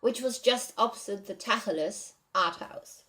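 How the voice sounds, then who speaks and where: A woman reads from her novel draft and talks it over, hesitant and pausing to rethink her wording. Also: a little high, bright, forceful tone. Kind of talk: casual reading and commentary.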